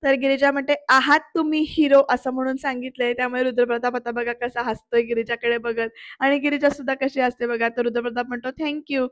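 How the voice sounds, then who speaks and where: Female recap narrator, high voice, dry close sound, chatty storyteller. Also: level tone, fast, no echo. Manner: chatty, keeps addressing the viewers. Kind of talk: voice-over episode recap.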